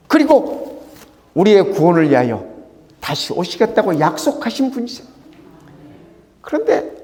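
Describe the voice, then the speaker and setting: Fervent older male pastor, lively pitch. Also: long reverb tail. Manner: swings from fervent raised lines to hushed near-whispers. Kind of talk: sermon.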